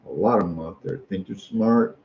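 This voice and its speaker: A middle-aged American street artist with a low, creaky voice talks at normal speed in a casual, meandering monologue. He's folksy, opinionated, and repeats phrases for emphasis. Faint noise runs through the muffled lo-fi recording.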